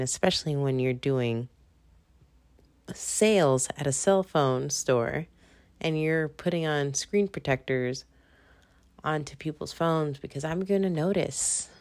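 A woman with a low voice hosts her podcast alone at home late at night, talking into a phone. She sounds tired and rambles casually, keeping her voice hushed and sometimes dropping to a half-whisper. The sound is dry and close. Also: no echo. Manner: rambling and chatty, laughs at herself; half-whispering at times to keep quiet. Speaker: podcast host. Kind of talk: casual solo podcast monologue.

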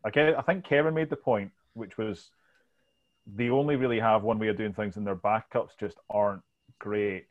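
A man's voice: lowish voice, steady tone, moderate pace, phone-quality sound. A man with a Glasgow Scottish accent chatting casually about football, informal and sweary, as a podcast host.

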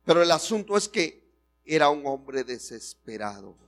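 A man's voice: on the high side, very animated, normal speed, fairly bright tone. A male pastor preaching a sermon, telling a story and acting out the characters' lines while speaking directly to the congregation.

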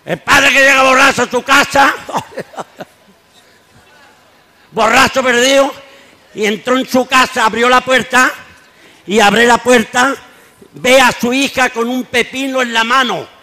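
A man telling jokes on stage as a comedian, animated, acting out his characters' voices. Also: very high-pitched, slow pace, pauses often. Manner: lively storytelling, acts out characters' voices. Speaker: stand-up comedian. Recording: long hall reverb.

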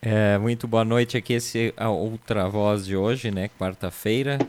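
A man's voice: lowish voice, fairly even intonation, a little slow, background noise. A man hosting a live-stream talk show in an easygoing, jokey manner. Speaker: host.

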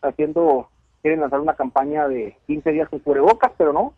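A man's voice: fairly high pitch, fairly quick, no room sound, phone-quality sound. A man from Ciudad Juárez, calling into a radio show and rambling casually, with lots of "eh" fillers. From Ciudad Juárez, Mexico. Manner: rambling, hesitant with many "eh" fillers. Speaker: caller, neighborhood committee president. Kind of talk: casual radio call-in chat.

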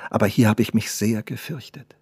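Man doing bashful young girl in love, hushed and breathy, low and mellow. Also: fairly even intonation, brisk, dry recording. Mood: shy. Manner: soft, hushed, near whispering. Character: shy, tender young woman in love.

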